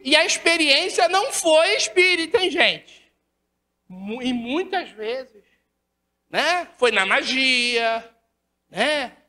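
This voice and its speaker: Speaking with a Rio de Janeiro Brazilian Portuguese accent, a woman with a high, sharp voice lectures on spiritism in a spiritist center's lecture hall, where the sound reverberates. She asks rhetorical questions, keeps tagging sentences with questions to listeners, and acts out dialogues.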